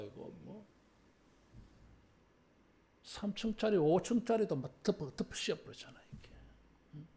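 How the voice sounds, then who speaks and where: A medium-pitched, slightly mellow voice belongs to a pastor preaching at a church service. The sermon has a conversational feel: a filler word is often tacked onto phrases, the congregation is asked to repeat after the pastor, and the speech shifts between formal and casual.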